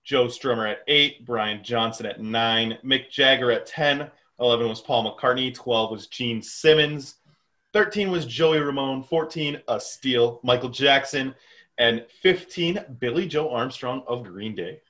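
A man with a bright, forceful voice at a middle pitch. He co-hosts a podcast in an upbeat, teasing, laid-back way. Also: measured pace, dull audio. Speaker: podcast co-host. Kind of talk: casual chat.

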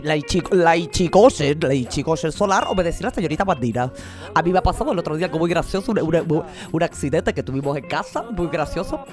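A woman with an Argentine accent voicing a frivolous, callous rich lady in a comedy radio sketch. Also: deep voice. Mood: haughty. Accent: Argentine Spanish. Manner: haughty, giggly, shrugging off harm.

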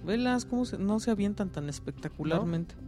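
A man with a fairly high voice who joins a casual chat with quick teasing interjections. Faint music plays behind him. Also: animated, dark tone.

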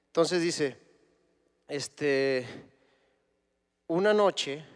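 Man, sermon, fairly high voice, smooth and clear, long hall echo. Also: drawn-out words. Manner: conversational, retells scripture with imagined dialogue. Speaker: guest preacher.

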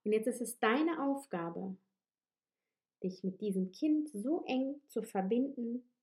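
Soft-spoken woman coach, higher voice. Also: expressive, takes it slowly. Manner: soothing, addresses listener directly. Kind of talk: guided inner-child meditation talk.

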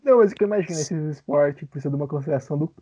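Brazilian guy, husky highish voice, kinda unsure and chill, muffled sound. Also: very fast, dark tone, no echo. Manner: hesitant, laid-back. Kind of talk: casual podcast chat.

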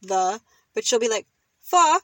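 A young woman co-hosting a podcast, chatting casually in an animated, rambling way. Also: sits high, fast talker, dry recording. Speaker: podcast co-host. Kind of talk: casual chat.

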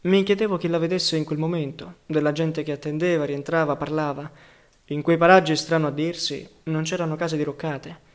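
A man reading a novel aloud as an audiobook narrator, calm, measured and quiet. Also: fairly high pitch.

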